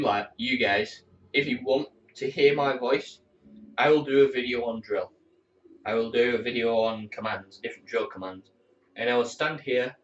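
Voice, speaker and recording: At home, a teenage lad from the air cadets talks loosely to his camera, candid and prone to the odd curse when frustrated. His mid-range voice is a bit bright, but he is far from the mic, with slight background noise and a dull, muffled sound.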